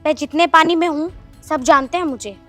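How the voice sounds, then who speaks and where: An actress with a Haryanvi accent playing an outspoken married niece who answers back cuttingly. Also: female voice, sits high, brisk, fairly bright tone, soft background music.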